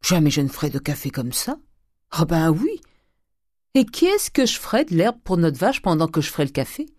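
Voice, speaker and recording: A man's voice: fairly high pitch, very animated, moderate pace, darkish tone, no echo, clean studio sound. A man reading an audiobook, voicing a blunt, stubborn old servant woman with rustic speech.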